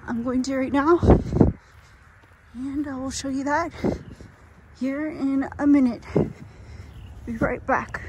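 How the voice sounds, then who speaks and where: Walking outdoors past a roadside and into a hilly park, a middle-aged vlogger chats casually in a high voice, hesitating and letting her sentences trail off. Her phone is handheld at arm's length, picking up loud wind and street noise.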